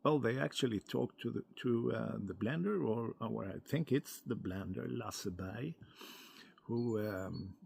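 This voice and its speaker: A man giving a casual, unscripted product review in a hesitant, halting way, as if thinking aloud. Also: mid-range voice, creaky, darkish tone, husky. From Europe. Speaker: pipe tobacco reviewer.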